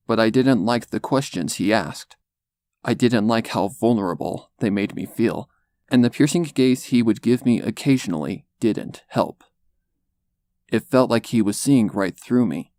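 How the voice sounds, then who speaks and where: A man reading a dark first-person story as a narrator, in a measured, solemn manner. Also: mid-range voice, no echo, studio quality. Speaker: fan fiction narrator. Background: music under the voice.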